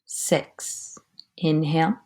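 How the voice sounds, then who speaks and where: With a voice that sits low, a woman calmly leads a guided breathing exercise in measured instructions, frequently letting her words fade into a breathy, near-whispered tone.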